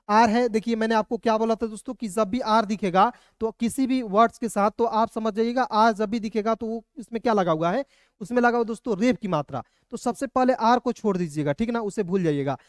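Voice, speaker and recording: A man's voice: high-pitched, clear, resonant tone, dry recording, clean studio sound. A man teaching an online spelling lesson, sounding out words letter by letter and checking in with "okay?" again and again. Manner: spells letter by letter, repeats "ठीक है ना".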